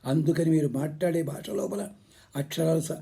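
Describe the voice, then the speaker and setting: A man giving a spiritual discourse, explaining slowly and drawing out recited words. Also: fairly high pitch, creaky, mellow, breathy edge. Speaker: speaker on scripture.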